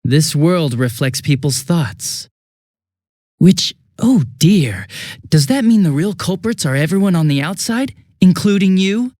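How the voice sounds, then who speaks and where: A man with a slightly high, darkish voice sneers his way through the part of a smug young detective turned homicidal villain in a video game. Speaking a little slowly with lively intonation, he veers theatrically between boredom and giddy mockery, captured in clean, echo-free studio sound.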